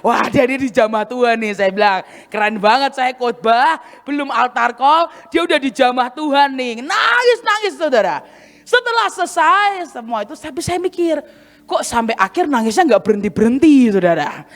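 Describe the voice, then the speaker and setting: Woman preacher, animated sermon storytelling, reverberant church hall. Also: high-pitched, normal speed.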